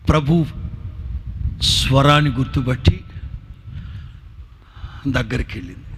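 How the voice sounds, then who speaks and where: Male pastor, fairly high voice, vivid storyteller, builds to forceful exhortation. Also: slight background noise. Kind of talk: sermon.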